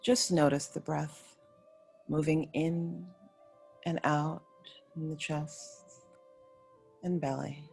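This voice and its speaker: A yoga nidra teacher with a low, creaky, darkish voice leads a guided meditation while faint music plays. Her intonation stays fairly even as she offers soothing instructions in short, unhurried phrases, pausing between each.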